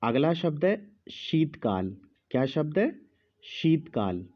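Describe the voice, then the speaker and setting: Male teacher, slow measured dictation, muffled lo-fi sound. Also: on the high side, sing-song. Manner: speaks slowly with pauses, repeats each word. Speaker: Hindi teacher.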